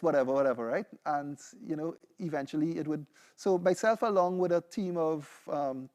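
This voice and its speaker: A PhD candidate presents a seminar with a live demo: a young man with a Trinidadian accent and a fairly high, slightly mellow voice. He speaks in a loose, conversational manner, often checking in with "right?" and "you know".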